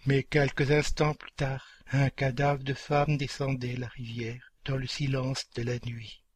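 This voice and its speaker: A man's voice: medium pitch, level tone, a little slow, breathy edge, no room sound. Solemn male storyteller, dry close sound. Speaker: narrator. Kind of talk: dramatic story narration.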